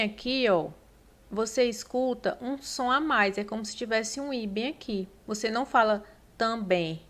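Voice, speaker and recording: A Brazilian woman teaching a grammar lesson for exam takers. She explains step by step, spells words out slowly and keeps checking in with her listeners. Her voice sits at an ordinary middle pitch. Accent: Brazilian Portuguese. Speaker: Portuguese teacher.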